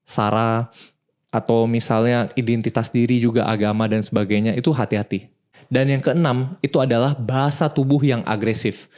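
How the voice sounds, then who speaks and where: Calling his listener "bro," a young podcast host lays out advice in a relaxed, direct manner on his talk show. He has a mid-range, slightly mellow voice.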